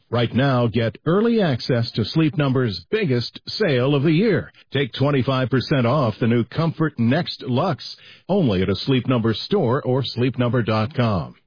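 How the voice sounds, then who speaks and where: A man reading the news in a measured, even anchor delivery, heard as a broadcast taped off the radio. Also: mid-range voice, husky, no echo. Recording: dull radio broadcast with faint music.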